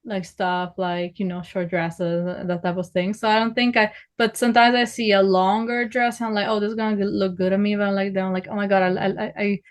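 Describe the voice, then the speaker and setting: A woman's voice: medium pitch, flat delivery, fairly quick, hardly any pauses. A woman in her twenties from northern Italy, with an Italian accent, chatting as a podcast guest and speaking hesitantly with many fillers. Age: 20s. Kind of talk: casual chat.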